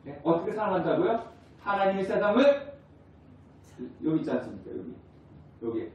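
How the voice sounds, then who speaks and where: Male pastor, chatty sermon, high voice, heard from afar in a very echoey church hall. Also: very animated, moderate pace, a little mellow, dull audio. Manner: conversational, questions the congregation; acts out family dialogues. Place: church sanctuary. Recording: very echoey hall, distant mic.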